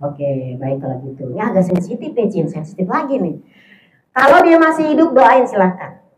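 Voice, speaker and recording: A woman's voice: on the high side, big pitch swings, brisk, darkish tone. A woman giving an informal religious study talk, chatty and affectionate with her audience. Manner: chatty, affectionate, calls listeners "sayang". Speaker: preacher. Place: mosque hall. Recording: echoey, dull hall recording.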